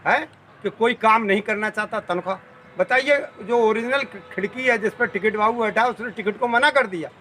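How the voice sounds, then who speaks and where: A man's voice: high voice, normal speed, sharp tone, a little hiss or hum. An older man, complaining insistently in a street interview with rhetorical questions.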